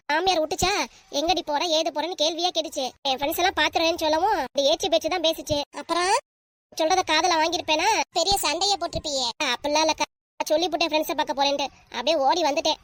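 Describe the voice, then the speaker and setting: A woman with a southern Tamil Nadu village accent, voicing all the characters of a village comedy cartoon in quick, bright banter. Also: very high-pitched, fairly even intonation, dry recording. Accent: southern Tamil Nadu, Kanyakumari-Tirunelveli dialect. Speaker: voice artist for a cartoon.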